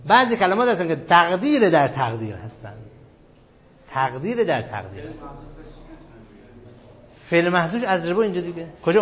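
Lecturing a class on grammar, a teacher with a fairly high-pitched voice keeps asking his students questions and repeats key terms slowly. The recording is dull and lo-fi, with classroom sound in the background.

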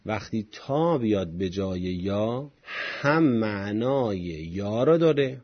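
A man teaching a grammar lesson on Quranic Arabic, explaining each point in small steps with a husky voice. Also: lowish voice, lively intonation, lo-fi sound. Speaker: religious studies teacher.

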